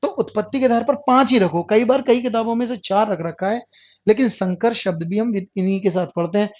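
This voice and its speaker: A man's voice: high-pitched, brisk, darkish tone. A male Hindi grammar teacher giving an online class lecture, who asks his students questions and answers them himself and repeats the key terms. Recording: dull lo-fi recording.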